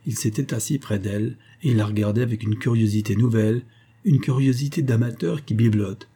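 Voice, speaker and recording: A man reading a classic novel aloud in a steady, measured narration. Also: fairly low pitch, husky. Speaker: audiobook narrator.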